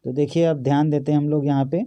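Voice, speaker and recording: A man with a fairly high but mellow, dark voice teaches an exam-prep grammar lesson. He poses each question to his students and then answers it himself, going through the examples one step at a time. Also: flat delivery, quick pace, muffled recording. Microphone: phone or camera over a notebook.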